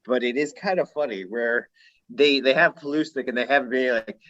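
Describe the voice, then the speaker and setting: A man's voice: mid-range voice, normal speed, a bit bright, no room sound, lo-fi sound. A man co-hosting a podcast, chatting casually and laughing as he tells a story. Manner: chatty, laughs while telling stories. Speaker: podcast co-host.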